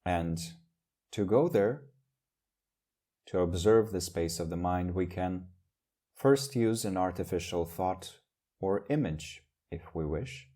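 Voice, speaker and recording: A meditation teacher guides a session in a low voice, using gentle, measured phrases separated by long pauses.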